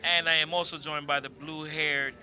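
Very bright-voiced man hosting a podcast. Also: on the high side, level tone, normal speed. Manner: joking. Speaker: podcast host. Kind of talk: casual chat.

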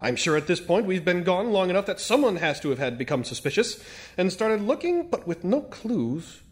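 An actor playing a pompous, eccentric detective who speaks formally and teases his partner deadpan. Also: high voice, normal speed. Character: pompous eccentric male detective, dryly teasing.

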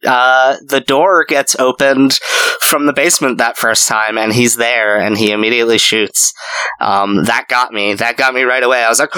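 A man's voice: medium pitch, pushed and bright, clear, resonant tone, no echo. A man hosting a podcast in a casual, chatty style. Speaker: podcast host.

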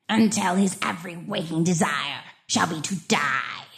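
A gloating goddess of death from a comic book, low for a female voice and gravelly. She delivers her vengeance with slow, theatrical villain menace. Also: a bit bright, heavily acted. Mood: vengeful menace.

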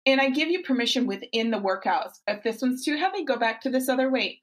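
A fitness coach in her forties hosts a podcast, chatting in a casual interview style with a high-sitting voice, lively intonation, and a quick pace. She's encouraging and restarts her sentences often.

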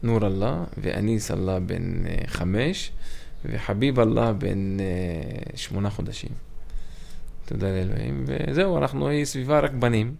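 A man telling his own family story in a lively way, jumping into high, loud bursts when he quotes his father. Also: gravelly. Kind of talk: animated storytelling with acted quotes.

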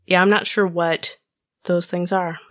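Woman, podcast co-host, low voice, tentative, casual discussion, very dry acoustics. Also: level tone, unhurried, fairly bright tone, no room sound.

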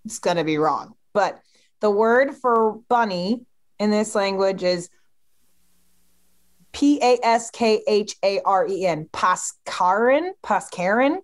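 Woman, podcast host, middling pitch, casual trivia chat, teasing, laid-back. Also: animated, takes it slowly. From Kansas City, USA.

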